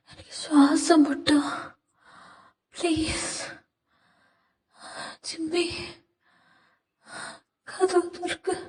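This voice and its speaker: A woman voicing a frightened young man locked in a dark room, pleading and sobbing in panic. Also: sits high. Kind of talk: fan audio drama acting. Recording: roomy, distant amateur recording.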